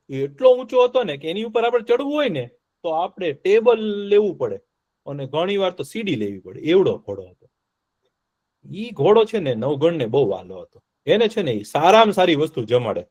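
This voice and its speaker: Lively storyteller man, high voice. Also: dull audio. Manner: lively, asks the children questions as he tells. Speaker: storyteller for children. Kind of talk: telling a folk tale to children in an online class.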